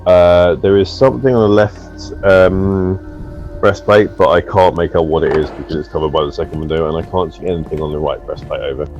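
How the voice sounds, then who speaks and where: A man with a very low voice gives hesitant, halting descriptions during a co-op game. He sounds unsure as he goes, signing off like a radio operator. The sound is a little dull, with faint game music behind him. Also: steady tone. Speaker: let's play gamer. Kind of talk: co-op game commentary, radio-style relaying of clues.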